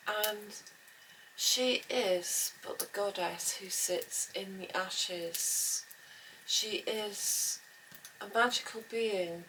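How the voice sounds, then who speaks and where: A woman giving a slow, reflective spoken lesson on folklore and witchcraft, pausing often with "um". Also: on the low side, vocal fry, fairly bright tone, a little hiss or hum. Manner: slow and reflective, with frequent "um" pauses. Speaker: witchcraft teacher. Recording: voice from a distance with music behind.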